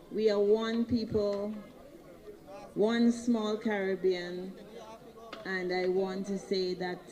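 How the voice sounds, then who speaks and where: Slow-spoken Grenadian woman. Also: mid-range voice, warm tone, poor audio. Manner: slow and earnest. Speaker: mourner giving a tribute. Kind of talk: earnest tribute speech.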